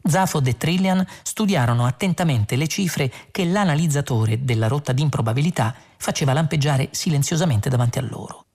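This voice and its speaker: A man narrating a comic science fiction audiobook in an even, dry storytelling manner. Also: a little high, fairly quick, few pauses. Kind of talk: audiobook reading.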